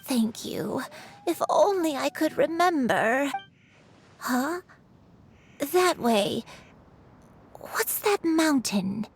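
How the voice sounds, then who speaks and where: A woman playing a gentle, troubled old granny in a video game, hesitant and wistful. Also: high voice, animated, extremely slow, long pauses, exaggerated voice. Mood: wistful, apologetic. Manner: hesitant, soft-spoken, wistful. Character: gentle, troubled old granny who lost her memory, female. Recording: music behind the voice.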